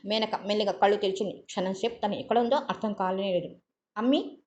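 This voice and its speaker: A woman reading a novel aloud as a story reader, in a calm, steady storytelling manner. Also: medium pitch, quick pace. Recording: dull lo-fi audio.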